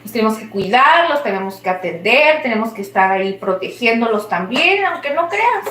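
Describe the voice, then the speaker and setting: A woman's voice: a little high, sing-song, moderate pace, a bit bright, roomy sound, a little hiss or hum. A woman with a Mexican accent chatting casually and rambling while she cooks, often laughing. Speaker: cooking vlogger. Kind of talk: casual chat while cooking.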